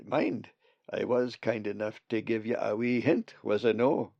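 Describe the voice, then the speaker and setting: A man voicing a warm old male raven with a Scottish accent and a broad, cheerful brogue. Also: fairly low pitch, fairly even intonation, a little slow, gravelly, no room sound. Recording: dull dry lo-fi recording.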